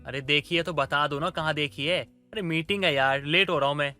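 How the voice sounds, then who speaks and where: A man voicing a hot-tempered young husband in an animated story, speaking irritably and shouting. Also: fairly high pitch, fairly quick, faint music behind. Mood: impatient.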